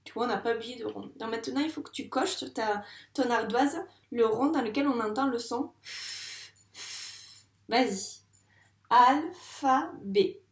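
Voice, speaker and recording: A woman's voice: fairly high pitch, normal speed, pauses often. Patient teacher woman, roomy echo. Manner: patient, stretches out words syllable by syllable. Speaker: primary school teacher. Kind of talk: video lesson for a young child.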